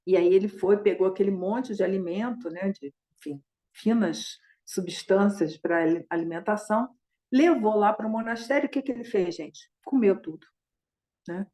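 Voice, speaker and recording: A woman's voice: mid-range voice, normal speed, mellow, echoey room. Chatty woman telling a dharma story. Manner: conversational, with a constant tag question "né?". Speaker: Buddhist dharma teacher. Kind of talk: retelling a Buddhist story in a dharma talk.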